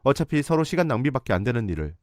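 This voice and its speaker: Man playing a young nurse, sharp, defiant, blunt, dry close mic. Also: mid-range voice, sing-song, very fast, dry recording, close to an everyday voice.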